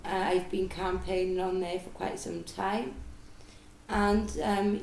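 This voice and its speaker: A woman records an unscripted video response, speaking slowly and earnestly with frequent ums. Her voice is low and gravelly. The room sounds echoey, with faint noise behind her. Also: darkish tone. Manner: hesitant, many ums, earnest. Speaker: vlogger.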